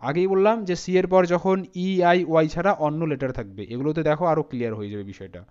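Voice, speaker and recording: A man's voice: fairly high pitch, racing, darkish tone, smooth, dull audio. A man teaching English pronunciation as a spoken lesson, patiently spelling words out letter by letter.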